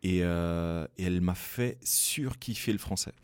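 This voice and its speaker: A young man hosting a casual chat, telling stories in an animated way and mimicking English words. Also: low voice, unhurried, clear, resonant tone, no echo, clean studio sound. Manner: animated storytelling with laughs and imitated English. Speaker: host.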